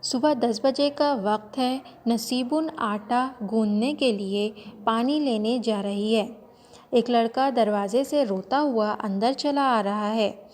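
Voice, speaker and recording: A woman teacher reading a play lesson aloud to pupils, in a slow and careful voice. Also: fairly high pitch, a little mellow, in a large hall.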